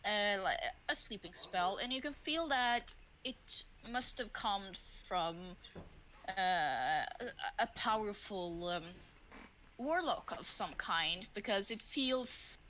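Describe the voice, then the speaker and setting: A woman's voice: medium pitch, lively intonation, slow pace, bright, forceful tone, slight background noise, rough recording. A woman narrating as game master for a streamed tabletop game, loose and chatty, with many fillers and frequent laughs.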